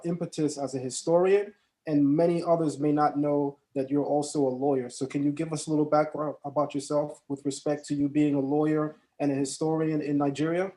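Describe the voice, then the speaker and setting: A man's voice: on the high side, darkish tone. A man hosting an interview, asking questions in an earnest, respectful way. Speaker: host.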